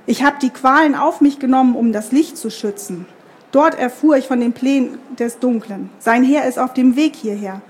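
A woman's voice: high-pitched, normal speed, darkish tone, breathy edge. A woman voicing a determined young tree woman from a fantasy story, who speaks with firm, urgent earnestness.

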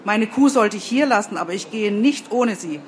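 A woman's voice: medium pitch, lively intonation, normal speed, slight background noise, close to an everyday voice. A woman voicing a stubborn, tearful old man who refuses to leave his cow behind. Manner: stubborn, plaintive.

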